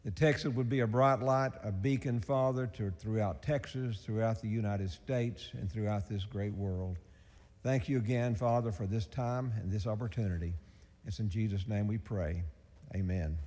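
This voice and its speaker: Male chaplain, mellow voice, earnest repetitive prayer, big hall reverb. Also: on the low side, moderate pace. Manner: repetitive earnest invocation, often addressing Father. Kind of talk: opening prayer. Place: legislative chamber. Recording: long reverb of a large hall.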